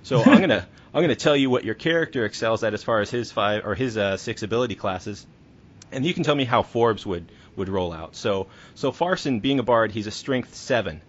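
In casual conversation with a guest, this podcast host and writer speaks a little fast in a lowish, expressive voice. The audio is dull and lo-fi.

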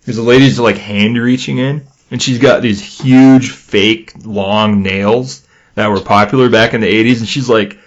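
A young podcast host from Michigan's Upper Peninsula, with a Yooper accent, chats and rambles casually, laughing easily as he quizzes his co-host. His voice is lowish and steady at a moderate pace, and the podcast audio is dull and lo-fi.

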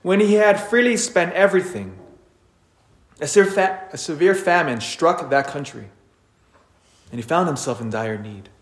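Priest guy reading the gospel, calm and measured, big cathedral echo all around him. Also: a little high. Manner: measured, unhurried liturgical reading. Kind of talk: reading the Gospel aloud at Mass. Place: large church. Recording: roomy church reverb.

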